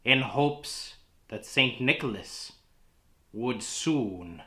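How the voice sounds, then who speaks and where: A man playing a pompous, easily offended thespian in a horror host sketch, declaiming with grand dramatic pauses. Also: mid-range voice, lively intonation, sharp tone, full character voice. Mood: grandly dramatic. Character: pompous, easily offended theatrical male thespian reciting poetry. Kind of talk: hammy theatrical recitation in horror host sketch.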